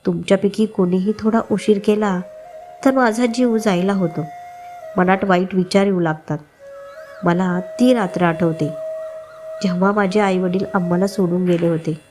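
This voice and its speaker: Lady doing a worried big sister near tears, soft storybook read, faint music. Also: medium pitch, steady tone, moderate pace, natural voice. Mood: tearful. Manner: worried, tearful. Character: anxious loving older sister, tearful.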